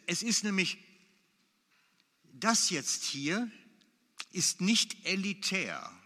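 A man's voice: fairly high pitch, bright, forceful tone. A man preaching a sermon in German, emphatic and repeating his key phrases for weight. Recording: long hall reverb.

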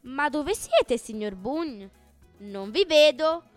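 A woman's voice: high voice, big pitch swings, slow pace, faint music behind, exaggerated voice. A woman voicing a timid, curious little boy in a storybook reading. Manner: timid, hesitant.

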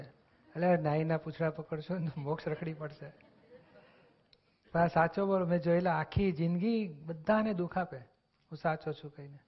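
A man talks through spiritual teachings in an earnest, explanatory way, now and then acting out short bits of dialogue. His voice sits a little high for a man. The recording is dull and lo-fi. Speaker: spiritual discussion speaker. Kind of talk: religious discourse explanation.

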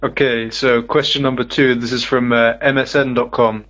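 Man with a British accent running a casual quiz, halting delivery, muffled remote line. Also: medium pitch, flat delivery, fairly bright tone. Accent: British English. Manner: hesitant, filler-heavy, laughs often. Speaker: guest quizmaster. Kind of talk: casual live radio chat.

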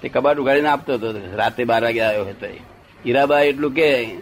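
A man's voice: medium pitch, quick pace, slight background noise. An older man telling a rambling anecdote in casual chat, often checking that his listener follows. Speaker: storyteller.

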